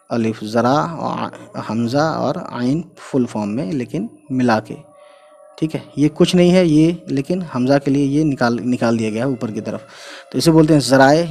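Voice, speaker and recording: A man's voice: medium pitch, darkish tone. Man teaching spelling patiently. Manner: explains patiently, often adds "thik hai" and "you know". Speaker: Urdu teacher. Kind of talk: spoken language lesson for Hindi speakers.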